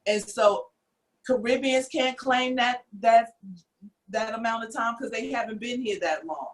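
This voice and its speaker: Her pitch is fairly high and her delivery unhurried as she hosts a casual podcast chat. She's an American woman who offers her opinions in an earnest, emphatic manner.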